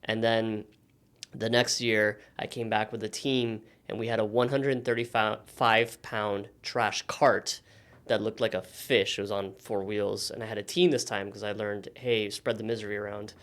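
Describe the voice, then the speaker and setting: A man in his thirties from Miami, a native Spanish speaker, telling stories as a podcast guest with relaxed "um" pauses. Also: lowish voice. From Miami, United States. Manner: relaxed storytelling with frequent "um" pauses. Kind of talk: casual interview conversation.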